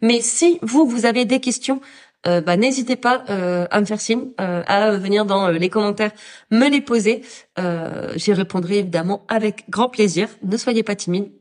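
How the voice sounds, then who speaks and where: A woman speaks at a middling pitch, audibly congested and nasal from a cold and sore throat. She hosts an informal livestream as a coach, addressing her followers in a loose, hesitant, unscripted way. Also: normal speed, a little mellow. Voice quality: nasal, stuffed-up. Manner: informal, hesitant, talking off the cuff. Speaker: podcast host and productivity coach. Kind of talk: casual livestream talk to followers.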